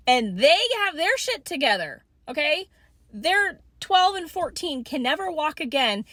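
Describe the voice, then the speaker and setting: A middle-aged woman delivers a blunt tough-love rant, salting it with swearing and repeated checks of "okay?". Her voice is bright and a little high. The sound is close and dry, with no room around it. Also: no echo. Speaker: vlogger. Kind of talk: ranting monologue to camera.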